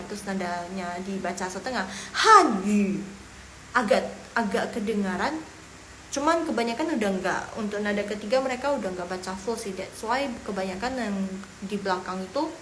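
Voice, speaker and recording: A woman teaching a live online Mandarin lesson in a chatty, playful way, asking questions and answering them herself. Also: mid-range voice. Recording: echoey room with faint noise.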